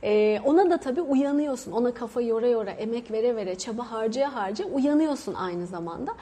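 A woman's voice: fairly high pitch, animated, brisk, warm tone. A woman from Turkey in her thirties, a mother talking casually to viewers in a chatty way, with many hesitations and doubled verbs. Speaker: mother sharing her experience.

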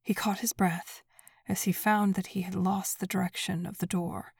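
A woman narrating a story in a soft, breathy whisper, hushed and even. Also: mid-range voice, normal speed, no echo, studio quality.

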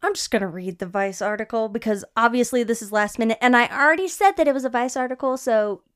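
A woman's voice: on the high side, fast, clean tone. A young woman co-hosting a casual podcast, reading an article aloud, swearing and stumbling over words. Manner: laughs often, swears, stumbles while reading. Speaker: podcast co-host.

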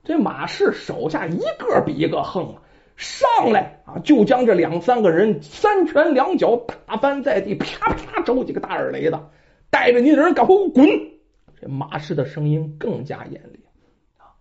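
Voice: mid-range voice, moderate pace, creaky. A storyteller narrating a bandit tale in a dramatic traditional style, with chatty asides to the listener. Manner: lively, dramatic, conversational asides. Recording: dull lo-fi recording.

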